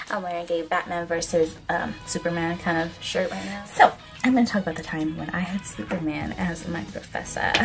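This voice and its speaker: Chatty gushing young woman vlogger. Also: on the low side. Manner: chatty, gushing, sassy storytelling with frequent "like". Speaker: beauty vlogger. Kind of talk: casual chat to camera. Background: background music.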